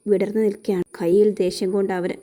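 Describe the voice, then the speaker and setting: A woman's voice: medium pitch, level tone, fast, mellow. A woman retelling a TV serial episode and briefly acting out each character's lines.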